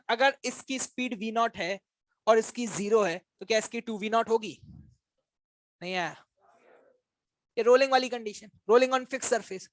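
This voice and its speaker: A male physics teacher giving a classroom lecture, constantly quizzing his students with quick questions and teasing them to check they follow. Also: very high-pitched, fairly bright tone, dry recording. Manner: coaxing, teasing.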